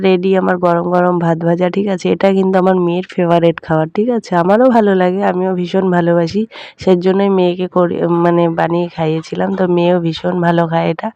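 Young woman vlogger, quick and even-toned chatty voice-over, dry close sound. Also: lowish voice, clear, resonant tone, dry recording, highs cut off. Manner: chatty, addresses viewers as friends, keeps tagging "all right". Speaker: daily-life vlogger. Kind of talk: casual home vlog voice-over. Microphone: voice-over recorded separately.

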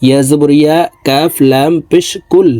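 A man teaching Quran recitation, spelling out letters and vowel marks slowly and carefully, then reciting in a drawn-out, melodic way. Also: fairly high pitch, steady tone, dark tone, no echo.

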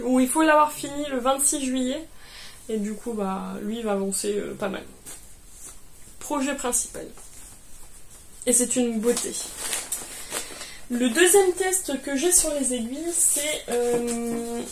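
A woman's voice: fairly high pitch, slight background noise. A young woman chatting about her knitting projects, hesitant and full of fillers, cheerful and laughing often. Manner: hesitant, many fillers and restarts. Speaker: knitting vlogger. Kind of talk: casual show-and-tell chat.

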